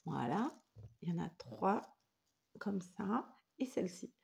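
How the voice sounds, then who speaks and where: Husky-voiced woman chatting about crafts. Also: lowish voice, very animated, unhurried. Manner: rambling, self-correcting, warm thanks to senders. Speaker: crafting vlogger. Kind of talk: casual chatty show-and-tell. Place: at home, indoors.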